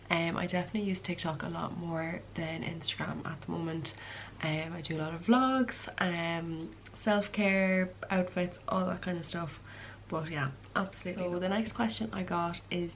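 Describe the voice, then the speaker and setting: A woman's voice: lowish voice, slight background noise, rough recording. A woman in her early twenties with a west of Ireland accent, chatting casually to camera as a content creator answering questions. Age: early 20s. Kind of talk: casual chat to camera, Q and A vlog.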